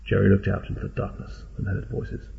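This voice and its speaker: A man narrating a story in a dry, wry way, in a tinny phone-like recording. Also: brisk. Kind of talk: audiobook narration.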